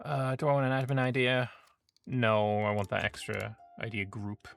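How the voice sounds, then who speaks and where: A man's voice: mid-range voice, completely flat delivery, moderate pace, vocal fry, smooth. A man streaming a strategy game, thinking aloud in an offhand way and reading the event text aloud.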